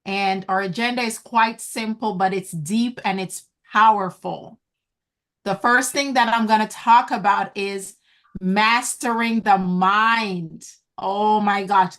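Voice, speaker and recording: Speaking in a mid-range, fairly bright voice, a woman business coach runs an online event, teaching a group by video call. She is earnest and encouraging, calls her listeners guys, and delivers slow, deliberate instruction.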